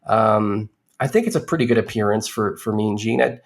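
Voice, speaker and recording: A man with a low, gravelly voice talks through a movie review on a podcast. He rambles, restarts his sentences and drops dry, sardonic asides as he goes. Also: normal speed.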